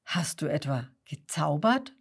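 A woman voicing a puzzled male shepherd in a children's story, speaking low and wondering aloud. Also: sing-song, unhurried, gravelly, slightly rough, full character voice. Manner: lowered voice, wondering questions.

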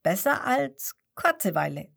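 A woman voicing a cheeky male hand-puppet clown in a children's storybook reading, loud, high and bouncy as he cracks jokes. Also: big pitch swings, slow, gravelly, exaggerated voice. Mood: jolly.

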